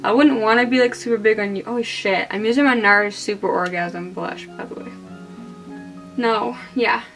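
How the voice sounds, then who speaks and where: A woman's voice: medium pitch, normal speed, a bit bright, faint music behind. A woman in her twenties, hungover, rambling casually and putting herself down as she talks through a makeup vlog. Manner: hungover, rambling and self-deprecating. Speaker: beauty vlogger. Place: small indoor room.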